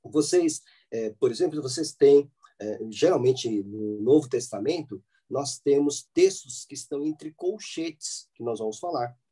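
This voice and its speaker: Husky, mellow Brazilian teacher lecturing. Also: male voice, mid-range voice, expressive, unhurried. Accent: Brazilian Portuguese. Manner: explanatory, with frequent "né?" and "tá?" check-ins. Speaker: theology teacher. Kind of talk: church classroom lecture.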